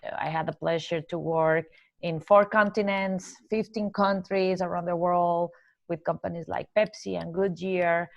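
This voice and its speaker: Gravelly, low-voiced woman with a Colombian accent. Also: fairly even intonation, no echo, highs cut off. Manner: earnest, listing ideas in measured steps. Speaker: guest, corporate trainer and coach. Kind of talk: podcast interview answers.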